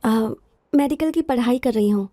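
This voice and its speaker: A woman's voice: fairly high pitch, normal speed, dark tone, close to an everyday voice. A woman voicing a spirited young medical student in a film dub. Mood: polite. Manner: spirited, touchy about her name.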